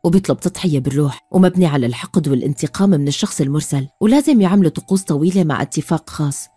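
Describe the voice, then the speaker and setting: A woman with a Levantine Arabic accent narrating a film recap in a brisk, even storytelling style. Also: deep voice, slightly rough, no room sound.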